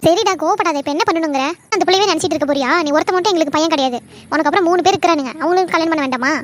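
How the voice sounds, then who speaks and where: A woman plays a fussy middle-aged cartoon mother who scolds and nags her grown sons without pause. The voice sits high and the words pour out at a very fast clip. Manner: scolding, nagging, rapid-fire. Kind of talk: cartoon voice acting.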